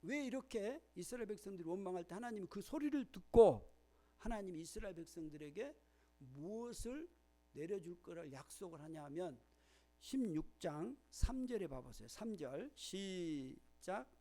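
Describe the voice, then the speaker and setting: High-voiced Korean pastor preaching. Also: male voice, expressive, moderate pace, dark tone. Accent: Korean, Jeolla. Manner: explanatory preaching with rhetorical questions; reads scripture aloud in a raised voice. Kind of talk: sermon.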